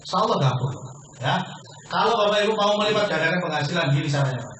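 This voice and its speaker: A man giving a persuasive sales seminar pitch, constantly addressing the audience as sir and quizzing them. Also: expressive, fast, a bit bright, slight background noise. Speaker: business opportunity presenter. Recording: very echoey hall from far off.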